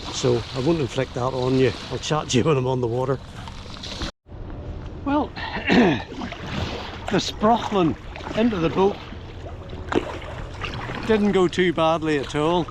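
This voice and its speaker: Older male vlogger, Ulster accent, slightly high-pitched, easygoing explainer, recorded outdoors with clear background noise. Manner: easygoing, explanatory, with homely dialect words. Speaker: kayaking vlogger. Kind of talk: casual chat to camera while out kayaking. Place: outdoors by a slipway and on the sea in a kayak.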